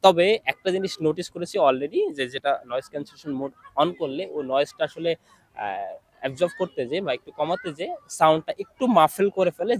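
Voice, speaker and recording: A man's voice: a little high, no room sound. A man reviewing a wireless mic outdoors in a busy city park, his voice muffled by noise-cancelling processing. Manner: chatty, explaining step by step. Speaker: gear reviewer. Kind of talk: casual product review. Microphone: wireless clip-on mic.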